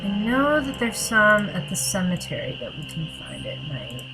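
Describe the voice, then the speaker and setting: A woman's voice: medium pitch, big pitch swings, rough recording. A woman streamer chatting casually to her viewers while playing a game. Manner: chatty, unhurried, talks to viewers. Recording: loud game music behind. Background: game music.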